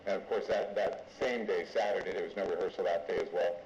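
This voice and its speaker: A male lawyer conducts a formal courtroom examination in a deliberate, halting manner. His voice is on the low side. It echoes strongly in the room, and the recording is somewhat dull. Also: fairly even intonation, a little mellow, a little hiss or hum. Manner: deliberate, halting step-by-step questioning. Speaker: lawyer questioning a witness.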